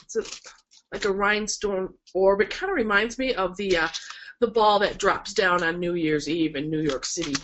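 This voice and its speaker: Recorded roughly on a camera mic with a bit of hiss or hum, a florist instructor speaks at normal speed in a medium-pitched, fairly bright voice. She has a cold that makes her sound nasal and stuffed-up, and she chats encouragingly, with lots of ums, while demonstrating a webinar project at an indoor work table.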